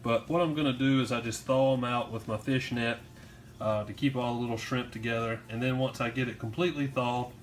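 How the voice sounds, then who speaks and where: A man's voice: mid-range voice, steady tone, brisk, slight background noise. A man casually narrating a home how-to video, explaining things in an informal, easygoing, unscripted way to viewers. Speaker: home aquarium hobbyist filming a fish-care vlog. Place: at home beside a fish tank and kitchen sink.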